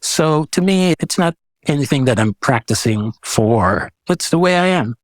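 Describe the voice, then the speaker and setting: An older Guyanese man in his 70s, a visual artist, appears as an interview guest. His voice is fairly high with lively intonation and a moderate pace, and he sounds casual and reflective, recounting his life with frequent asides. The recording is dry, with no echo and little sense of room.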